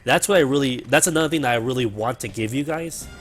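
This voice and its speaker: A man's voice: medium pitch, fast talker, fairly bright tone, soft background music. Casual rambling male game streamer. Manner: rambling and casual, with fillers and swearing. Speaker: gaming livestream host. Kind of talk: casual livestream chat. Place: home apartment. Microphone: cheap mic close to the mouth.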